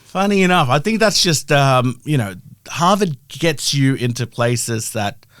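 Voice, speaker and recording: A man's voice: medium pitch, lively intonation, a little slow, a bit bright, clear, resonant tone, dry recording, studio quality. A middle-aged man with a broad Australian accent, explaining his work as a guest in a conversational interview. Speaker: interview guest, health-tech founder.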